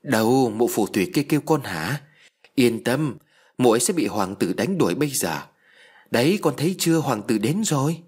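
A high, quick young wife and mother who scolds sharply and hushes her crying child, as a male storyteller puts her on. The voice swings widely and sounds slightly husky, told in an audio ghost story. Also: expressive. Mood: soothing. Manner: sharp, scolding, then soothing.

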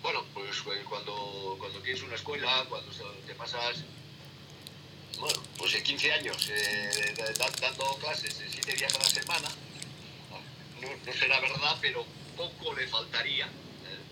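A middle-aged man, a sailing instructor, answering interview questions in a halting way, full of fillers and tag questions. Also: medium pitch. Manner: halting, many fillers and repeated "¿eh?". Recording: distant noisy remote line.

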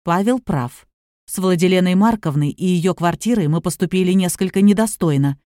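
A woman plays a soft-spoken young husband in a storybook. He sounds cautious and low, recorded close and dry. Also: normal speed, dry recording, lightly acted. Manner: cautious, warning tone.

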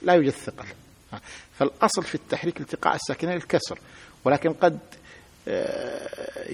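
A man's voice: a little high, creaky, fairly bright tone, husky. A sheikh teaching a grammar lesson, patiently repeating examples and asking his students to say them aloud. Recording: long hall reverb.

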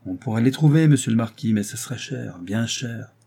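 Prudent older lawyer for a classic-novel audiobook, a man reading him, measured, with a mellow voice. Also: mid-range voice, expressive, gravelly, slightly rough. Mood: cautious.

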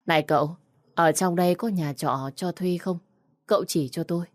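Scared older woman on the run, begging, woman reading her, low voice. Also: normal speed, dry recording, studio quality, lightly acted. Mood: pleading. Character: frightened runaway woman over fifty, pleading.

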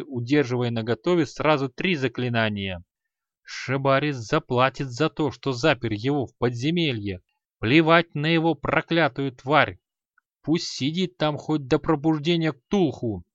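A man narrating a fantasy novel in a measured, expressive way, at an ordinary mid-range pitch. The recording sounds slightly dull, close and dry, with no room around the voice. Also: dry recording. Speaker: audiobook narrator.

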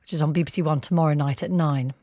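Female live radio presenter; brisk, inquisitive, slightly low voice, dry close mic. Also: fairly even intonation, warm tone, no echo.

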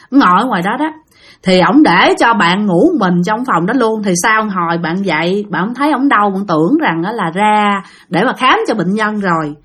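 A woman's voice: medium pitch, a bit bright, slightly rough. A woman with a Southern Vietnamese accent telling a ghost story in a chatty, casual way, often speaking directly to listeners.

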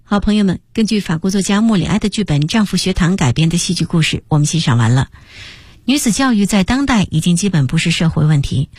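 A woman radio host closing the program in a brisk, polished manner. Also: fairly low pitch, a little mellow, slightly rough, no room sound, studio quality. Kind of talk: program sign-off.

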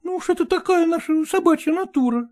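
A woman's voice: extremely high pitch, fairly quick, darkish tone, pitched above the performer's own voice. A woman voicing a cheeky female stray dog in an audiobook, chattering in a coquettish, wheedling way. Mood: flirty chatty. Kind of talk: audiobook character voice.

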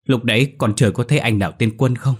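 A man's voice: mid-range voice, fast talker, slightly rough, pitched above the performer's own voice, lightly acted. A man voicing a blunt young man who is helping search for a missing child. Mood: puzzled.

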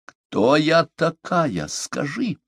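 A man reading an audiobook voices a huge, proud young island woman who shouts in slow, emphatic outrage. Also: medium pitch, big pitch swings, husky, no echo, clean studio sound, pitched above the performer's own voice, exaggerated voice. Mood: outraged.

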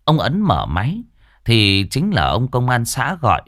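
A man's voice: mid-range voice, measured pace, no echo. A man narrating a ghost story dramatically. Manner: dramatic, expressive. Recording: dry studio voice with faint music.

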